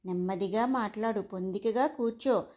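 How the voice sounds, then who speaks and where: A woman voicing a strict old grandmother in a storybook reading, lecturing slowly and nagging. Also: medium pitch, a little mellow, close to an everyday voice. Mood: scolding.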